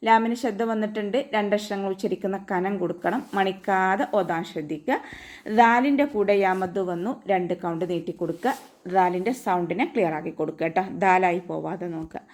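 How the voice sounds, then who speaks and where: A woman with a Malayali accent teaching Quran recitation in an online class, explaining each letter patiently and chanting example verses slowly. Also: medium pitch, a little mellow. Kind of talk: online tajweed lesson.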